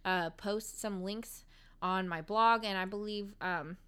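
Podcast co-host, woman, bright crisp voice, lively chatty delivery. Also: mid-range voice, takes it slowly. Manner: animated storytelling with laughter. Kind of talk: casual chat. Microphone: studio mic.

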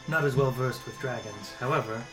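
A man's voice: medium pitch, unhurried, music in the background, rough recording. A man playing a tabletop game, casually planning and commenting as one of the players.

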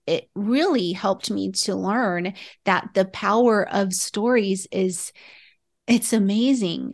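A woman guest in an interview, speaking earnestly and reflectively, often breaking into laughter. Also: medium pitch. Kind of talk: candid interview conversation.

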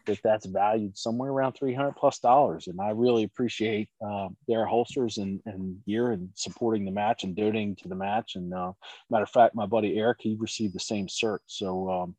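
Low-voiced middle-aged man, dry sound. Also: fairly even intonation, fairly quick, a little mellow, no echo, poor audio. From Maryland. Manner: rambling, many fillers. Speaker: competition shooter. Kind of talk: casual chat.

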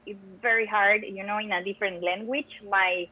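This casual podcast interview features a chatty, emphatic young woman whose mid-range voice is slightly rough, with fairly even intonation and a normal speed. She's from Costa Rica, speaks Spanish natively with a Costa Rican accent, and is a music education PhD student. The sound is lo-fi.

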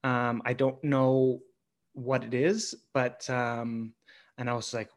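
A man in his thirties, a former pro hockey player, telling his story as a podcast guest in a halting way with many pauses. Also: mid-range voice, steady tone. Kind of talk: conversational storytelling.

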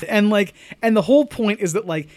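A man's voice: high-pitched, expressive, brisk, a little mellow, no room sound. A man co-hosting a casual movie podcast, rambling with lots of fillers and restarts. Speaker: podcast co-host. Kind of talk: casual movie-review chat.

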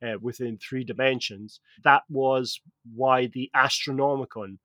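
A man chatting on a podcast, walking his co-host through game lore. He rambles, restarts his sentences and fills the gaps with ums and uhs. His voice sits at an ordinary middle pitch, and the recording is dry and close. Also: fairly even intonation, a little slow, a bit bright, dry recording. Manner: rambling, with frequent fillers and restarts. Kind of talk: casual chat.

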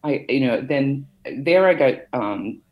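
A woman's voice: a bass voice, expressive, slow pace, darkish tone, poor audio. A middle-aged woman from Massachusetts, a podcast guest telling her career story in a chatty way with many fillers. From Massachusetts, USA. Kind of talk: conversational interview.

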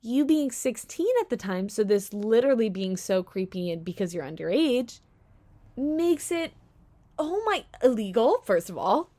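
A young woman hosting a solo podcast, ranting in a sarcastic, animated way with slang and bursts of laughter. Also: on the high side, normal speed. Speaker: podcast host. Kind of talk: casual solo podcast commentary.

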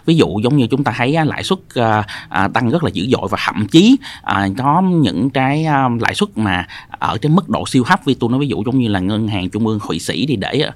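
A man with a southern Vietnamese accent giving unscripted expert commentary as a guest, often pausing on filler sounds. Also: mid-range voice, big pitch swings, no echo. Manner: halting, frequent filled pauses.

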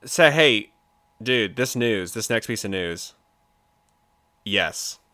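A man co-hosting a podcast over a video call, talking in an animated, opinionated, playful way. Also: on the low side, slow pace, no room sound. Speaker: podcast co-host. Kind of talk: casual chat. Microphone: remote video call.

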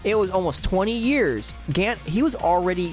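A man's voice: high-pitched, expressive, moderate pace, faint music behind. A man chatting casually with friends, explaining things as an eager fan in slangy, frat-bro talk full of filler words.

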